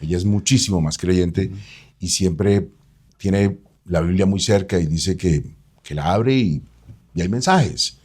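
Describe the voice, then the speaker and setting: A man's voice: low voice, a little slow, darkish tone, breathy edge. A man hosting a radio interview in a studio, asking questions in a playful, teasing, conversational way.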